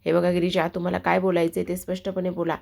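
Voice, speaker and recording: A woman's voice: on the low side, monotone, quick pace, vocal fry, a little mellow. A woman voicing a curt, serious young husband who asks for plain answers. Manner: curt, demanding.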